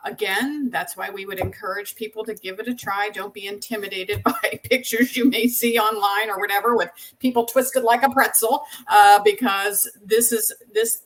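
A woman hosting a podcast conversation, chatty and quick to laugh while leading through slides. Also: medium pitch, a bit bright, poor audio. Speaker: podcast host.

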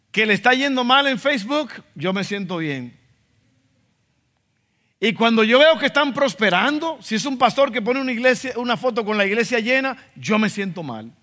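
Preaching emphatically in a church sanctuary, this pastor from the Dominican Republic has a high, bright, forceful voice and a Dominican accent. He acts out quotes in asides, and the recording has the reverberation of a church hall.

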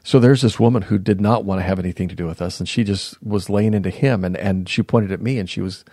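A man in his fifties, a podcast guest, reflectively recounting his past in a casual interview, pausing and restarting sentences. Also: low-pitched, mellow, dry recording, studio quality. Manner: reflective, unhurried, often pauses and restarts mid-sentence.

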